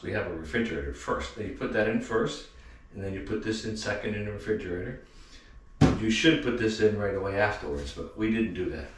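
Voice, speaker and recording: A man's voice: on the low side, slight background noise. Dry-joking man in an echoey room. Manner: dry, rambling self-mocking humor. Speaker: home remodeler. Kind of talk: casual joking vlog. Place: room of a house under remodel. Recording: echoey bare room, mic at a distance.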